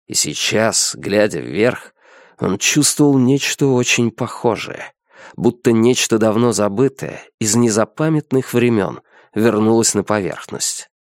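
A man reading a science fiction story as a steady audiobook narrator. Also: fairly low pitch, a little slow, dry recording, clean studio sound. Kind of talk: scripted narration.

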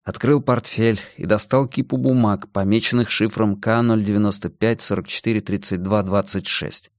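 A man reading a novel aloud as an audiobook narrator, in a measured, deliberate manner. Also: fairly low pitch, fairly even intonation, dry recording, clean studio sound. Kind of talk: scripted narration.

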